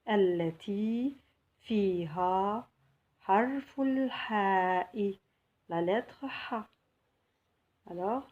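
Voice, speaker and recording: A woman gives a beginner's lesson at a very unhurried pace. She is patient and says each word several times, slowly and clearly. The recording sounds a little dull and lo-fi. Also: medium pitch. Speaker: Arabic teacher. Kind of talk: slow teaching lesson.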